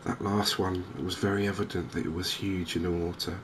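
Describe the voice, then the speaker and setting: In this cozy ASMR gaming commentary, the male host keeps his voice soft and low, his pace relaxed and his pitch nearly flat, like he's thinking aloud. Steady, clear ambient game sound fills the background.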